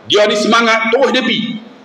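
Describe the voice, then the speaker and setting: A man's voice: extremely high pitch, fairly quick. A male preacher, giving a mosque lecture full of stories and acted-out voices. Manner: animated storyteller who acts out voices. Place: mosque hall. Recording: echoey mosque hall with faint hum.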